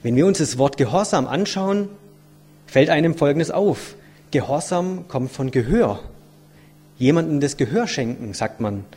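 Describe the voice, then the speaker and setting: A man's voice: fairly high pitch, animated, measured pace, darkish tone, slightly rough. A man giving an earnest, reflective sermon, asking his listeners many rhetorical questions. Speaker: lay preacher. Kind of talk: sermon with a read-aloud story.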